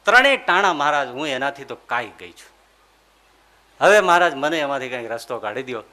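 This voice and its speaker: A male preacher voicing a tired older village wife who pleads about her husband's habits in a soft, worn-out way. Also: medium pitch, big pitch swings, a little fast, pitched below the performer's own voice. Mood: weary pleading.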